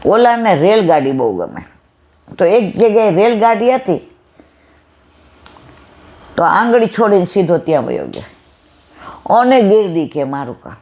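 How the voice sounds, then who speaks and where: A woman's voice: mid-range voice, very animated, measured pace, pauses often, darkish tone. A woman giving a devotional satsang talk, acting out family dialogue in a folksy storytelling style. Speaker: satsang speaker.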